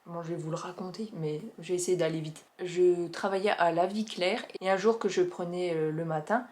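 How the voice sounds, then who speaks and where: A woman's voice: fairly low pitch, steady tone, darkish tone. Chatty young woman reviewing skincare. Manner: chatty, enthusiastic, many filler pauses. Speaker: beauty vlogger reviewing finished products. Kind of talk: casual product review vlog.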